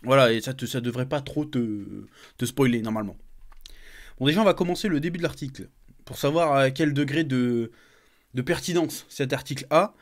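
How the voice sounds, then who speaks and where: A French man hosting a casual reaction video from a home desk setup, talking in an animated, jokey and crude way with many fillers and restarts. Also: medium pitch, normal speed. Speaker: YouTube manga commentator. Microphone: webcam with a desk microphone.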